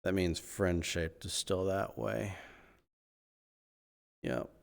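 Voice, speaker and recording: A man's voice: sits low, fairly even intonation, slow, gravelly. A man streaming, chatting casually to himself and thinking aloud. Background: faint music.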